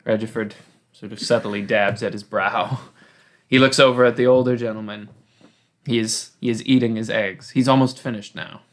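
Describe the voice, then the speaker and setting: A man co-hosting a podcast, narrating an improvised story in a halting way with repeated words. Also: on the low side, steady tone.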